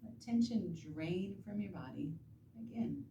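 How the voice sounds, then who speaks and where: A soft-spoken woman instructor leads a guided body-awareness and stretching lesson in a soothing, gentle manner, pausing between short instructions. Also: on the low side, muffled recording. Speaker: instructor guiding self-treatment bodywork. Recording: roomy, distant mic with background noise.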